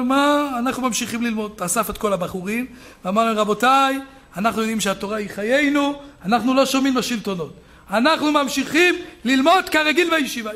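A man preaching a sermon as a rabbi, telling stories and building up to loud shouted peaks. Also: high-pitched.

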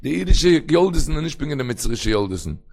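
A man's voice: a little high, big pitch swings, fast talker, creaky, darkish tone. A man giving a traditional religious lecture in an emphatic manner, often slipping into a sing-song chant. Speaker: religious teacher.

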